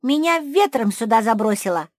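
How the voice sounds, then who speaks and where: A woman voicing the youngest pug puppy sister, an excitable and bold little girl who shouts in a shrill, high voice. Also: a little slow, no room sound, clean studio sound. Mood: excited.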